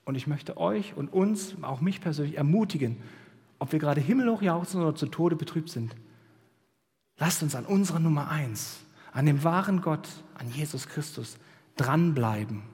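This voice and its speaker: A man preaching a sermon at a church service, conversational and lively, with casual asides. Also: on the high side, moderate pace. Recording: reverberant church hall.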